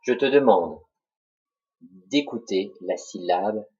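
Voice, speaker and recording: A man teaching a dictation lesson, slowly spelling out syllables for children to repeat and write. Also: on the low side, a little mellow, breathy edge. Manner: slow, deliberate, spells out syllables. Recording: dull lo-fi recording.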